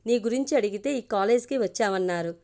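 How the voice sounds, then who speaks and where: A woman's voice: mid-range voice, brisk, darkish tone, lightly acted. A woman voicing an anxious young man pleading with his best friend, in a storybook reading.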